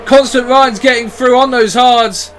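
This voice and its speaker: A man commentating live on motor racing as a motorsport commentator, in an excitable, exclamatory way. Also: extremely high pitch, unhurried, soft background music.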